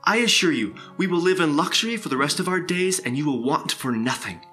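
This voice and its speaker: A man's voice: a little high, expressive, fairly quick, pushed and bright, faint music behind. An actor playing an eager, lovestruck young man with an earnest manner.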